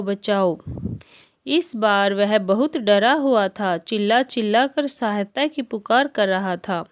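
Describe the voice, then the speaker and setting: A woman narrating moral stories for children in a calm, deliberate reading style. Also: fairly high pitch. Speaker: storyteller. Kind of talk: storybook narration.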